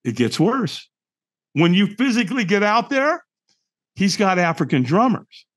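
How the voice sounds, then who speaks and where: A man's voice: sits high, very animated, measured pace. A middle-aged man, a podcast guest, telling a personal story in an emphatic, colorful and profane way, acting out his own thoughts.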